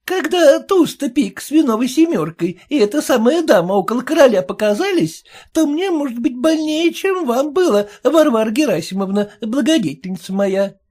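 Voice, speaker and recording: A woman's voice: high-pitched, lively intonation, normal speed, few pauses, a little mellow, voice pushed up. A woman voicing a fawning, chatty middle-aged peddler woman in an audiobook, with a wheedling sing-song manner. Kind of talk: audiobook reading.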